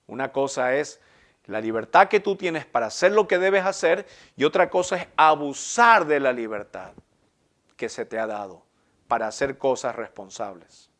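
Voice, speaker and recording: A male pastor preaching a sermon in an earnest, emphatic way, swelling on key phrases and letting line endings fall soft. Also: mid-range voice, expressive, moderate pace. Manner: earnest, emphatic preaching with rising bursts and soft trailing ends.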